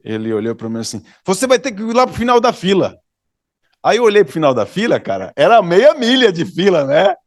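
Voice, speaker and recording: Um pastor brasileiro, com sotaque do Brasil, pregando um sermão, contando uma história com animação e dando risadas. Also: male voice, sits high, brisk, dry recording, clean studio sound. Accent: Brazilian Portuguese. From Brazil. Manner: animated storyteller, laughs often, acts out dialogue. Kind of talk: sermon with storytelling. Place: church hall, dry sound.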